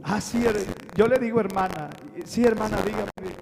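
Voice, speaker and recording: A man with a Colombian accent, preaching a sermon with impassioned swings between slow, quiet lines and loud bursts. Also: high voice, steady tone, gravelly. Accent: Colombian Spanish. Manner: impassioned preaching, dramatic slowdowns, sudden rises in volume. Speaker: pastor. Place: large church sanctuary. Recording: long hall reverb with faint music.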